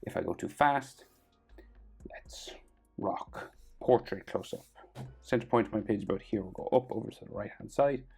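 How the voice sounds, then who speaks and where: A drawing tutorial host with a mellow, gravelly voice and faint music behind. The instruction is casual and step by step, delivered in halting fragments as if thinking aloud. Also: medium pitch. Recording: background noise and music.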